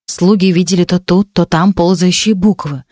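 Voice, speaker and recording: A man's voice: high-pitched, fairly even intonation, normal speed, a little mellow, no echo, studio quality, voice pushed up. A man voicing the hero's imperious noblewoman mother in an audiobook, haughty and reproachful.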